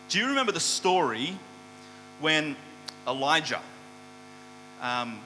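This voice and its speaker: Bright-voiced preacher in a reverberant hall. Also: male voice, mid-range voice. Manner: storytelling, animated retelling with quoted voices. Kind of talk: sermon. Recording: hall reverb with faint mains hum.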